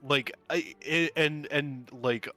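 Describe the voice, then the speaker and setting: A man playing a tabletop game, talking things through in a measured way with many fillers and restarts. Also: a little high, bright, forceful tone, faint music behind. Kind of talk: casual game-night talk.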